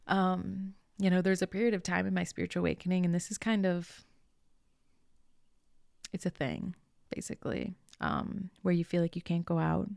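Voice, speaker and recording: A young adult woman hosting a podcast, talking casually and earnestly about simple joys, sometimes dropping into a soft whisper and swearing lightly. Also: lowish voice, little pitch movement, moderate pace, gravelly, no echo, studio quality. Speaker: podcast host, spiritual coach. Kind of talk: casual motivational monologue.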